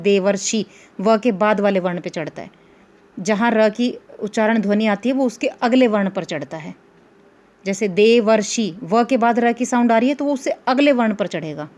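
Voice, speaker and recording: A woman's voice: mid-range voice, darkish tone. A woman teacher giving a grammar lesson, repeating rules, stretching out examples and asking the class whether they follow. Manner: explains slowly and repeats rules, asks pupils checking questions.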